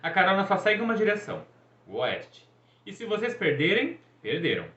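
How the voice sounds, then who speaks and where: A man's voice: huge pitch swings, a little fast, fairly bright tone, heavily acted. A man voicing a cocky, boastful young male sun god in a showy, teasing manner. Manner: showy, teasing, high-spirited. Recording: echoey, dull room recording.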